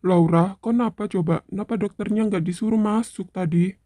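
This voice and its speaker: A man's voice: sits high, brisk, no room sound, clean studio sound, natural voice. Man voicing an easygoing young cartoon husband. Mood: puzzled. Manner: relaxed, caring, joking. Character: easygoing schoolboy husband, affectionate. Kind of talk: amateur cartoon voice acting.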